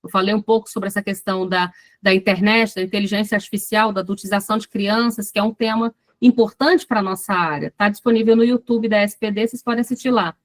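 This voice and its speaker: A woman with a Brazilian Portuguese accent gives an online psychoanalysis lecture over a video call, animated and addressing her students directly with frequent asides. Her medium-pitched voice moves quickly with few pauses, and the recording is dry.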